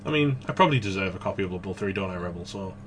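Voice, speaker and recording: A man co-hosting a casual gaming podcast, chatty and rambling, quick to laugh. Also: low-pitched, lively intonation, crowd noise. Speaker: podcast co-host.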